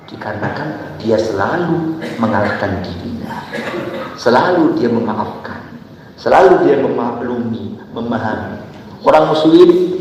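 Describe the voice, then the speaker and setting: A man preaching a dawn sermon to a gathering, switching between loud emphatic bursts and soft asides and asking the crowd questions. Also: mid-range voice, slight background noise. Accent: Indonesian. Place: large hall with long reverb. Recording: echoey hall, voice from far off.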